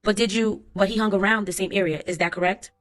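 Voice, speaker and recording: A woman's voice: medium pitch, steady tone, quick pace, natural voice. A woman reading aloud a court transcript as the lines of a lawyer, who asks formal, methodical questions, with faint music behind her.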